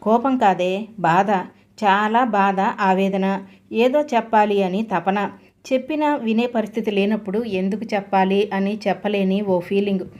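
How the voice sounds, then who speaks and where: A woman's voice: medium pitch, steady tone, moderate pace, a little mellow, lo-fi sound, natural voice. Lady reading as an older mom, hurt but firm, earnest scolding, medium voice. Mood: pained, reproachful. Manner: earnest, reproachful. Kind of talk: audiobook story reading.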